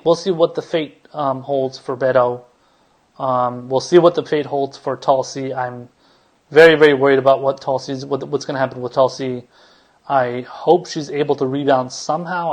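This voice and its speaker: Man, podcast host, political commentary, rambling, lots of restarts and fillers, mid-pitched voice. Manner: rambling, many restarts and fillers, casual swearing.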